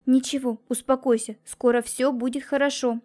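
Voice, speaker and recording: A woman voicing a businessman's anxious, hostile wife, with sharp, suspicious questions in an audiobook. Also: high-pitched, flat delivery, normal speed, close to an everyday voice. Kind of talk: audiobook character reading.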